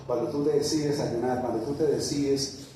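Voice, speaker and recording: A pastor preaching a sermon, repeating words, asking rhetorical questions and rising to loud peaks. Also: male voice, medium pitch, fairly even intonation, normal speed, a little hiss or hum. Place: church hall. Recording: echoey hall from far off.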